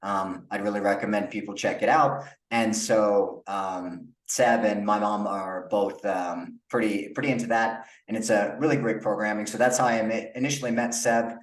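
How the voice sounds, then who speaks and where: Man, young adult, podcast host, lowish voice, relaxed, roomy sound, off-mic. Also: moderate pace, few pauses, recorded from a distance. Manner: relaxed, many fillers. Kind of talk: casual interview chat. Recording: echoey room, off-mic.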